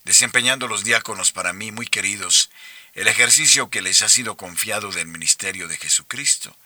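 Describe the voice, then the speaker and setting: Low-voiced man reading Scripture solemnly. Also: a little fast, pushed and bright, no room sound. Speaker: liturgical reader. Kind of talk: reading Scripture aloud for the Liturgy of the Hours.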